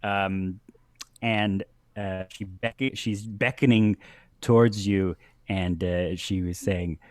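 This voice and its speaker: A man narrating a tabletop game as game master, halting with many restarts and frequent laughter. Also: low voice, fairly even intonation, no room sound, clean studio sound.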